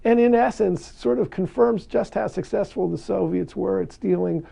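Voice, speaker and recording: A man's voice: high voice, normal speed, creaky, mellow. A man giving commentary in an interview. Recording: dull band-limited interview audio.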